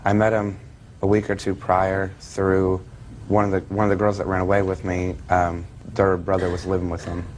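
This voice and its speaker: A seventeen-year-old American male testifies as a plaintiff. His voice is low and very even, and he answers politely and hesitantly, with faint noise in the background. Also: moderate pace. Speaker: young plaintiff. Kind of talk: courtroom testimony.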